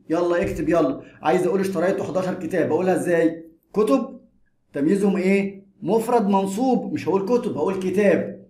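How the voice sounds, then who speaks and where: Egyptian male grammar teacher, brisk and high-pitched, drills rules, echoey room. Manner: lively, repeats and drills rules. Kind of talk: explanatory grammar lesson.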